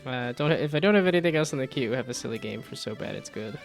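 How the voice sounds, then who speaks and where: During a game livestream, the male host chats quickly and animatedly in a mid-range voice with vocal fry while soft music plays in the background. He rambles and often drops his thoughts partway through.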